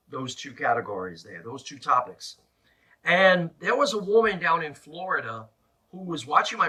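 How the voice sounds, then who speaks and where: A man tells a personal story in a very bright, forceful voice that sits a little high. His delivery is animated and emphatic, with dramatic pauses. He is recorded in an attic, a little way from the microphone. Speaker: religious presenter and storyteller. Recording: slightly distant mic in an attic.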